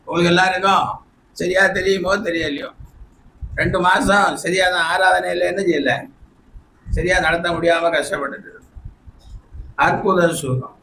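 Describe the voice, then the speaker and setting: Fervent pastor, high bright voice. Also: male voice, fairly even intonation, normal speed, creaky, long pauses, slight background noise. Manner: fervent preaching, often shouting hallelujah. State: recovering from recent illness. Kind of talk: sermon. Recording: echoey church hall, faint ambience.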